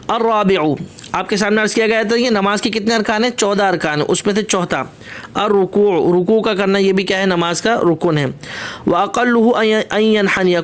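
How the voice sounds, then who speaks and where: A man teaching a religious text, reading a phrase and then explaining it line by line. He repeats points and asks himself questions before answering them. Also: sits high. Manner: repeats and rephrases points for emphasis. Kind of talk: classroom text lesson.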